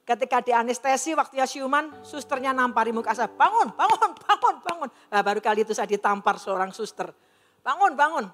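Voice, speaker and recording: A middle-aged woman giving an earnest personal testimony to an audience in a large hall, acting out the dialogue she quotes as she tells her story. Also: high voice. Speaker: testimony speaker. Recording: long reverb of a large hall.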